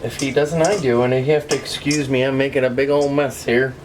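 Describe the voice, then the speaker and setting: A woman's voice: extremely low pitch, steady tone, brisk, darkish tone, slight background noise, rough recording. A woman hosting a casual cooking show in her home kitchen, chatting to viewers in a homey way while she is losing her voice, with a sizzling pan behind her. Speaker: home cook host. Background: sizzling pan and kitchen sounds.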